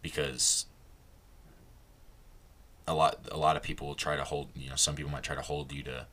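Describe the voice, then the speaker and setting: A man's voice: extremely low pitch, level tone, moderate pace, bright, forceful tone. A young man hosting a casual solo podcast, rambling and stopping himself mid-sentence, laughing at his own slips. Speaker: podcast host.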